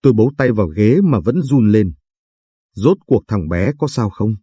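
A man reading a dramatic first-person story in a steady, earnest narration. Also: on the low side, moderate pace, slightly rough, no echo.

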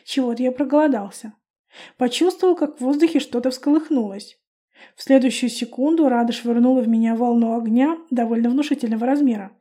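A woman calmly narrating a first-person audiobook. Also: on the high side, fairly quick.

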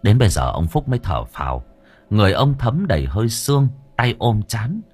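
Man, audiobook narrator, dramatic storytelling, low voice, lively pitch. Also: normal speed, slightly rough, faint music behind. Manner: expressive, shifting tempo.

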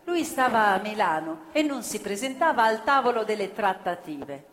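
This woman's voice is medium in pitch with big swings, a moderate pace, a slightly bright tone, and a little hiss or hum. As theatre narrator, she tells a stage play about factory workers with passion that slips into song, captured live on a theatre stage with long reverb and music.

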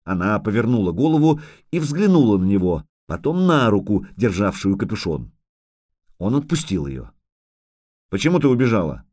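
A male audiobook narrator reads fantasy prose in a dramatic, expressive style. His pitch moves a lot from line to line. The recording is dry and close, with no room echo. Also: moderate pace. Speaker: audiobook reader.

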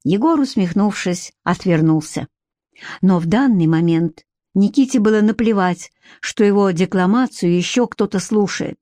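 Woman narrator, mellow tone, dry close read. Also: mid-range voice, moderate pace, dry recording. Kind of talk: audiobook narration.

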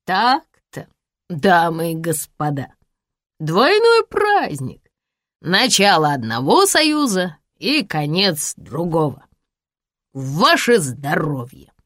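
A woman's voice: on the low side, wildly swooping pitch, slow pace, dry recording, clean studio sound, heavily acted. A woman reading an audiobook, voicing a drunken, boastful ruined man who slurs his words theatrically. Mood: drunk, mocking. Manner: slurred, theatrical, loud. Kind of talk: audiobook character voice.

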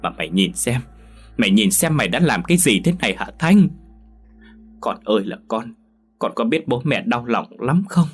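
A man voicing a grieving aging mother who scolds her son through sobs, rising to shrill outbursts. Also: brisk, long pauses, a bit bright, husky, soft background music. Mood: sobbing scolding. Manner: sobbing, reproachful, shrill outbursts.

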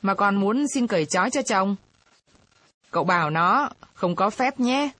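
A woman's voice: medium pitch, animated, measured pace, a bit bright, husky, dry recording. A woman reading aloud, voicing a greedy, boastful male village chief who drawls his words. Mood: drawling.

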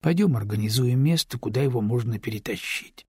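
A man's voice: mid-range voice, lively intonation, a little fast, a little mellow, slightly rough, no room sound, clean studio sound. A man reading an audiobook, voicing a weary middle-aged woman who speaks tiredly but firmly. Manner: tired, sighing, firm.

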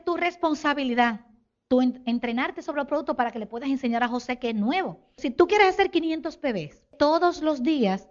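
A woman from the Republic, giving an animated business talk to an audience and acting out sales conversations. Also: high-pitched, highs cut off. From Dominican Republic. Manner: animated, acts out sales dialogues, addresses audience as señores. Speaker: network marketing business speaker.

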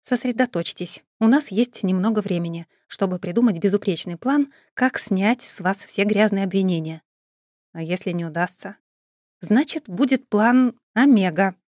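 A woman's voice: medium pitch, moderate pace, darkish tone, no echo, natural voice. Woman reading an indignant businesswoman, curt, raised voice, audiobook, dry close sound. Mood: businesslike. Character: sharp cool-headed young businesswoman, indignant.

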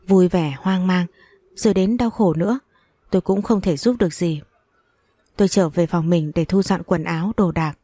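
A woman narrating a first-person story in a calm, measured reading voice. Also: lowish voice, no echo.

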